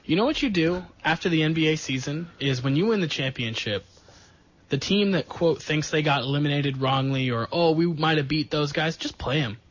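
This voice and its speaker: A man's voice: fairly high pitch, expressive, brisk. A man hosting a sports podcast, talking casually with sarcastic jokes and asides. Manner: chatty, jokey, sarcastic asides. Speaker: podcast host. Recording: dull lo-fi sound.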